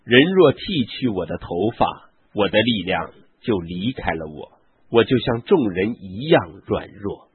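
Samson, a mighty captive strongman, earnest and solemn, as a man reads him. The voice is deeply husky and slow. It sounds thin, as if through a phone. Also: big pitch swings, phone-quality sound, full character voice.

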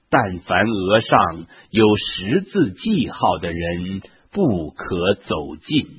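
Man reading the part of a stern divine lord, solemn orders, very slow and husky, tinny lo-fi sound. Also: lowish voice, heavily acted. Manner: solemn, commanding recitation. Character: stern divine male lord giving commands. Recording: tinny lo-fi phone-like recording.

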